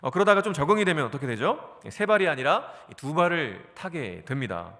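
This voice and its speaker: Lively bright-voiced male pastor preaching. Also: a little high, fairly quick, big-room sound. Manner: animated, asks the congregation questions and answers them. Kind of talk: sermon. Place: church sanctuary.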